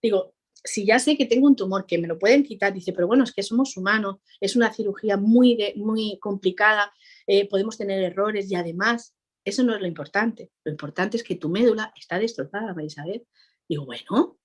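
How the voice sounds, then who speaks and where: A woman, a cheerful interview guest who laughs often while recounting a personal story in conversation. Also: medium pitch.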